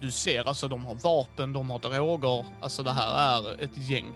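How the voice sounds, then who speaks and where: Animated man narrating a role-playing game. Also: mid-range voice, soft background music. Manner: animated, many fillers. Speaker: game master. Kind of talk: casual role-play narration.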